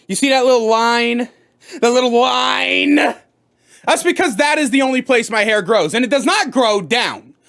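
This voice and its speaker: Man, 30s, comedic storyteller, lively pitch, crude, loud bursts. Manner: animated, swings to loud outbursts. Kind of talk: profane comedic storytime rant.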